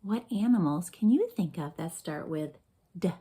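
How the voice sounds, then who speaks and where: A woman teacher speaking gently and in a sing-song way to young children during a lesson. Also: fairly low pitch, animated, husky. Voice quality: slow, gentle and sing-song, addressing kids.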